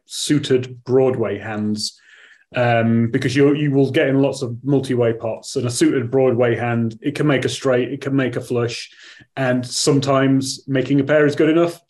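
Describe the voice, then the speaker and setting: Man chatting casually, middling pitch, dry humour. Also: darkish tone. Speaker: podcast guest, poker author. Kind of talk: casual chat.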